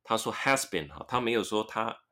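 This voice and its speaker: A podcast host teaches English through news articles, reading passages aloud and explaining them with frequent tag particles. His voice is fairly low, expressive, and sharp-toned, at normal speed.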